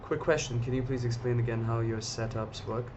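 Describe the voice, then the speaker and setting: A man's voice: mid-range voice, fairly even intonation, fairly quick, background noise. A man hosting a live stream and commenting on markets in a casual, chatty way, talking straight to his viewers. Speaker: trading stream host. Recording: slightly dull lo-fi audio.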